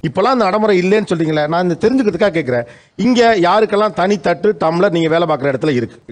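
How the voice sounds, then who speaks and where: A man's voice: sits high, lively intonation, very fast. A man hosting a studio debate show, asking probing, formal questions. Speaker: talk show host.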